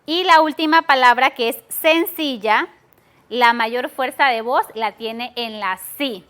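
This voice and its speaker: A woman's voice: fairly high pitch, unhurried, a bit bright. A woman teacher giving a televised class to schoolchildren, explaining patiently step by step and stretching out words.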